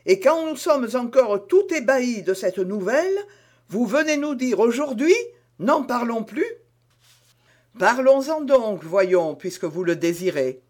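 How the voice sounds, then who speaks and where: A man reading the part of a witty, sly young musketeer with a smooth, teasing manner in an audiobook. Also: extremely high pitch, animated, unhurried, heavily acted. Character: witty, sly young male musketeer who longs for the priesthood.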